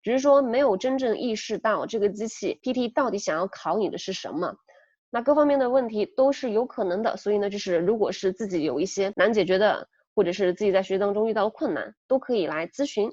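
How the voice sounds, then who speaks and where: A woman's voice: medium pitch, fast talker, darkish tone, no room sound, highs cut off. A young woman tutoring for an English test, explaining in a chatty way with many fillers, talking through a headset. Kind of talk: casual spoken lesson.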